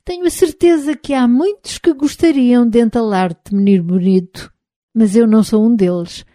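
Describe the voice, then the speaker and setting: A woman's voice: fairly high pitch, moderate pace, warm tone, no echo, studio quality, pitched above the performer's own voice, lightly acted. A woman doing a sneering, sarcastic foreman. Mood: mocking. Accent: European Portuguese. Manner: sarcastic, mocking. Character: resentful sarcastic male foreman, middle-aged.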